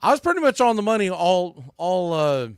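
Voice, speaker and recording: In a high, sing-song voice at normal speed, a sports podcast host and commentator offers a blunt, opinionated recap. His tone is clean as he rants, swears mildly, and repeats lines for punch, in a studio-quality recording with no room sound.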